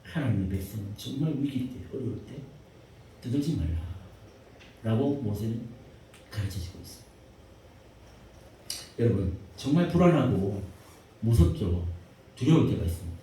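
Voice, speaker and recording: A man preaching a sermon as pastor, repeating phrases and swinging between hushed lines and shouts. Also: mid-range voice, lively intonation, moderate pace, pauses often. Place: church sanctuary. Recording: echoey church hall, mic far off, faint hiss.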